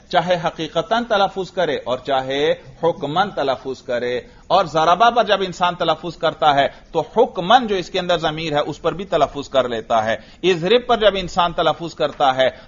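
A man's voice: a little high, muffled recording. A male teacher with a Pakistani Urdu accent, giving a classroom grammar lecture, explaining patiently and asking his class questions that he then answers himself.

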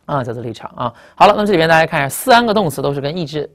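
A man's voice: fairly high pitch, animated, very fast. A man teaching English vocabulary in a lecture, explaining each word, repeating key terms and spelling letters out. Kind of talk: recorded classroom lecture.

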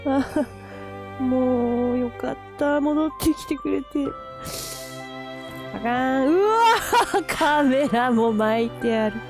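High-voiced gushing woman vlogger. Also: lively intonation. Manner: gushing, chatty, quick to laugh. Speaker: camera vlogger. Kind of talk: casual unboxing chat. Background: background music.

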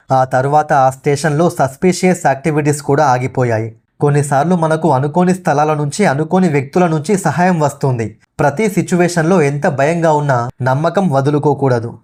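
Male storyteller, scripted horror narration, steady and measured, fairly high voice.

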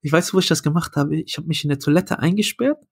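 A man's voice: fairly high pitch, fast, gravelly, breathy edge. A young man, a comedian and food founder, telling a story casually in a podcast interview, acting out quoted dialogue with lots of fillers.

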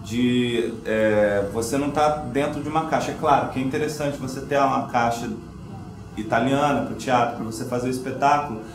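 A man's voice: medium pitch, brisk. Young man, actor, interview, reflective and hesitant, roomy.

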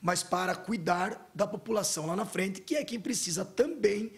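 A man's voice: sits high, moderate pace. A man in his thirties, a councilman, defensively justifying decisions in an office interview. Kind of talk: interview statement. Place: indoor office.

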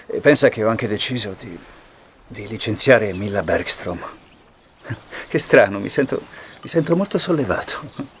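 An actor playing a wry, restless writer who used to be a cop, in dubbed film dialogue over soft music. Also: male voice, on the low side, expressive, moderate pace, pauses often, a little hiss or hum, close to an everyday voice.

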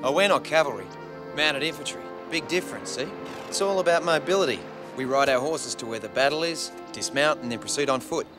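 A man's voice: medium pitch, brisk, over music, lightly acted. A man playing a brash Australian soldier. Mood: grumbling. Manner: brash, slangy banter. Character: rowdy, cheerful young Australian soldier, blunt. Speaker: Australian mounted infantryman.

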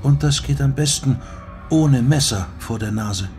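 A man's voice: mid-range voice, a little slow, dark tone, faint music behind, pitched above the performer's own voice, natural voice. A man reading an audiobook, voicing a bold young female trainee agent who talks back in a raised voice. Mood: defiant. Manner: challenging, direct.

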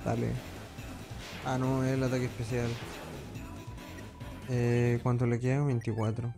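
A man's voice: medium pitch, level tone, a little slow, music in the background. A man giving casual commentary while playing a video game, chatting to himself as he plays. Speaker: gaming channel host.

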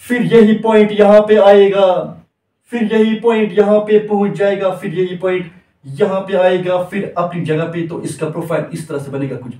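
Man, teacher, high voice, board-lecture style, repeats each step, roomy echo, a bit away from the mic. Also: fairly even intonation, moderate pace, mellow. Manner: repetitive, walks through each step with "here" and "like this". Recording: echoey classroom, mic from a distance.

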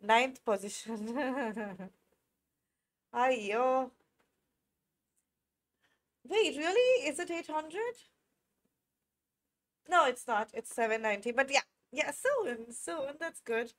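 A woman's voice: high voice, animated, slow pace, pauses often. Chatty young Indian woman streamer. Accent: Indian English. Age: 20s. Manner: chatty, reacts to chat, laughs often, self-corrects. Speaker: chess streamer. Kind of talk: casual live-stream chat with viewers.

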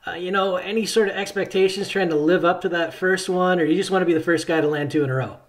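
Male reporter, high-pitched voice, interview questioning at a sports press call. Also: fairly even intonation, quick pace.

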